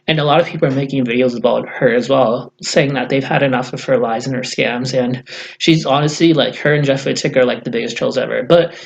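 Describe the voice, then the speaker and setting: A man delivers a casual vlog rant in a mid-pitched voice roughened by gravelly fry. He talks bluntly and profanely, rambling through many fillers. He has just woken up. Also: fairly even intonation, a little fast. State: just woke up. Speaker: YouTuber.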